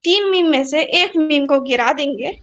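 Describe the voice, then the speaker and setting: A woman's voice: high-pitched, lo-fi sound, a little hiss or hum. A woman tajweed teacher explaining recitation rules patiently, repeating each rule and asking her students questions. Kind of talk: online Quran recitation lesson.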